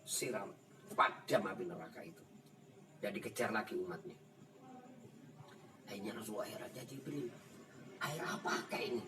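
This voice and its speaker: A man's voice: on the low side, animated, normal speed, pauses often. A man with a Javanese accent giving an informal religious lesson, acting out dialogue and laughing often. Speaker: ustaz teaching a kitab study. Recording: distant mic with room noise.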